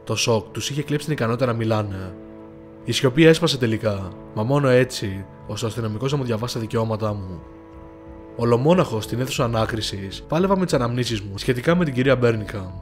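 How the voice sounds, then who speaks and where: A man narrates a first-person horror story at a measured, somber pace. His voice sits at an ordinary middle pitch. Faint music runs quietly underneath. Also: lively intonation. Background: faint background music.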